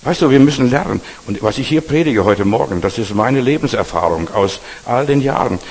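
A male preacher, not a native German speaker, delivers a blunt, exhorting sermon in a husky, mid-pitched voice. His words ring out with a long reverb through a church hall. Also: expressive, brisk, darkish tone.

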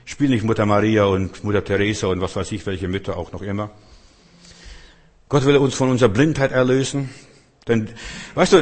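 A male preacher delivering an emphatic sermon, swinging between loud declarations and hushed lines, speaking straight to his listeners. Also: medium pitch. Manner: addresses listeners directly and intimately. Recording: long hall reverb.

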